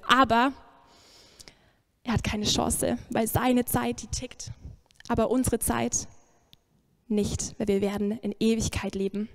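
A woman preacher giving a lively sermon, emphatic and swinging between loud and soft. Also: on the high side.

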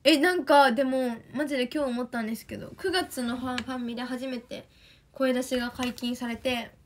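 A young woman with a Kansai accent, chatting excitedly on a livestream as an idol, reading fan comments. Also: high voice, slight background noise. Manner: chatty, excitable, quick bursts of enthusiasm.

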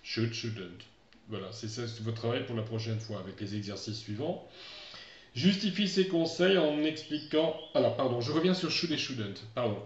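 A middle-aged man from France teaching English, explaining at length in a chatty way and slowing down for English examples. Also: mid-range voice. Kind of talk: online lesson. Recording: muffled, echoey room.

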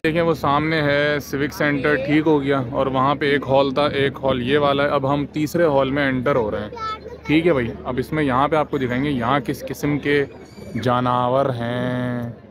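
A man, excitedly vlogging as he walks around a crowded livestock expo hall, chatty and full of exclamations. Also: medium pitch, moderate pace, crowd noise. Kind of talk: walking tour vlog. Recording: music playing loudly behind.

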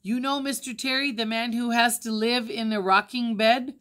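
A woman's voice: on the high side, steady tone, moderate pace, fairly bright tone, close to an everyday voice. A woman reading aloud, voicing a stern boat driver who speaks in commands. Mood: firm. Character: stern grown man, a rescue boat driver.

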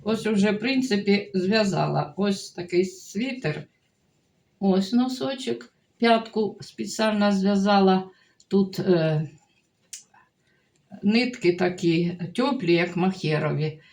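Older ukrainian grandma rambling on in a home vlog, chatty, mixes languages. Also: female voice, mid-range voice, takes it slowly, a little mellow. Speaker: vlogger grandmother. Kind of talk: casual home vlog chat.

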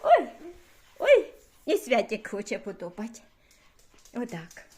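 Cooing older woman, lively sing-song. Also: on the high side, a little slow. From Ukraine. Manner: sing-song baby talk, cooing and coaxing. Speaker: vlogger great-grandmother. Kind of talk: home vlog, talking to a toddler and a dog. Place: outdoors in a windy yard. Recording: loud wind and outdoor noise.

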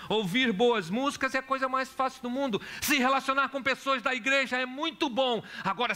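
Bright-voiced male pastor preaching. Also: high-pitched. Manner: storytelling preacher, asks the congregation questions. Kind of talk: sermon. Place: church hall.

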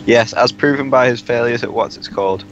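A man's voice: mid-range voice, a little fast, highs cut off, noisy background. A young man chatting casually while gaming, making teasing, dry remarks. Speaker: player.

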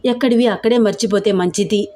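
A woman voicing an older, humble house maid who speaks softly. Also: mid-range voice, a little fast, lightly acted. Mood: hurt. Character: older loyal female house maid, hurt.

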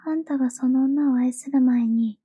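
Possessive young yandere girlfriend, sweetly and eerily obsessive, high-pitched, soft mellow tone, ASMR audio drama. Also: steady tone, normal speed, breathy edge, no room sound. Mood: sweet, menacing. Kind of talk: Japanese audio role-play, intimate ASMR girlfriend drama.

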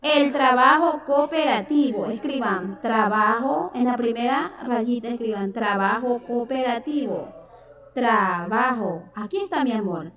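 A woman with a high voice and an Ecuadorian coastal accent, gently dictating words to young pupils and calling them "my love". The audio is roomy and muffled, like a laptop mic on a video call, with kids chattering in the background. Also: expressive, moderate pace, few pauses, a crowd in the background. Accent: Ecuadorian coastal Spanish. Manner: affectionate, calls pupils "mi amor" and "mi vida". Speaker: third-grade teacher. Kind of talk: online class dictation. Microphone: computer mic on a video call. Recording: echoey, distant, dull video-call audio with children talking.

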